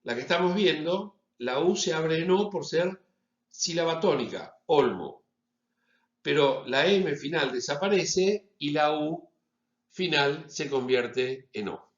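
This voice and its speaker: A man giving a lecture as a teacher, deliberately stressing each example word. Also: a little high, lively intonation. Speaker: Latin teacher. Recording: roomy, slightly dull recording.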